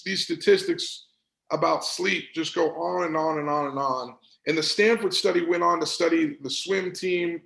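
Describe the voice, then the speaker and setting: A man coaching an audience on performance in an energetic, emphatic presentation, repeating words for stress. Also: on the high side, creaky, roomy sound, rough recording. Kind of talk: motivational presentation.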